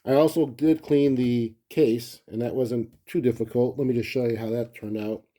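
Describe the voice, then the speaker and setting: The speaker, a collector, has a dark-toned, medium-pitched male voice, steady and at a moderate pace. He offers a hands-on gadget review, chatting easily and thinking out loud without a script.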